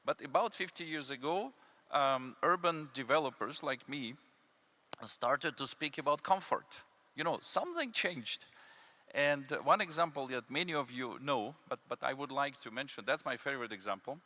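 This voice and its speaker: Man, middle-aged, French-sounding accent, bright voice, conference panel speaker who builds his points with emphasis and fillers. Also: mid-range voice, moderate pace. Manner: speaks with a slide presentation, many fillers. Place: conference hall.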